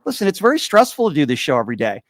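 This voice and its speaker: A man's voice: on the high side, huge pitch swings, rapid-fire, dry recording, clean studio sound. A man in his forties from Connecticut, hosting a casual chat show and rambling with fillers and repeated yeps. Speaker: show host.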